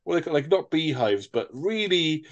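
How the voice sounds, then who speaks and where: A man's voice: on the high side, very animated, normal speed, highs cut off, a little hiss or hum. A British man riffs through a casual podcast review of a film. He jokes, swears freely and acts out lines from the film with a laugh. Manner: jokey, swears, laughs often, acts out quotes. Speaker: podcast co-host.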